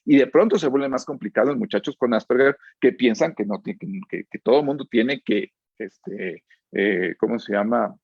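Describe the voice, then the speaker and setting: Husky man lecturing with a Mexico City accent. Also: mid-range voice, moderate pace, no room sound, dull audio. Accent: Mexico City Spanish. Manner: keeps checking in with a questioning "¿sí?"; earnest, explanatory, uses fillers like "este". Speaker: psychologist giving a keynote lecture. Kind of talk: lecture with told anecdotes.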